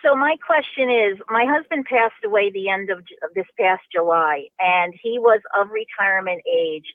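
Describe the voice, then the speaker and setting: Calling a talk show with a question, a woman in her sixties speaks at normal speed in a mid-range voice over a tinny phone line with no echo. Her questions ramble and get restarted as she asks them.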